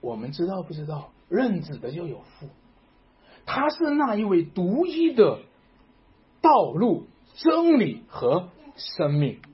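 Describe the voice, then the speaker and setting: Emphatic preacher with a lively voice. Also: male voice, high-pitched, takes it slowly. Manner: emphatic, repeating rhetorical questions. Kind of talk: sermon. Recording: dull lo-fi recording.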